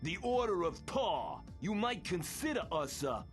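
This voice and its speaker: A chummy rat mobster for a video game, slick and boastful, with an Italian-American accent. The voice is high and wildly animated, drawn out slowly, with music underneath. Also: male voice. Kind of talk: video game character acting.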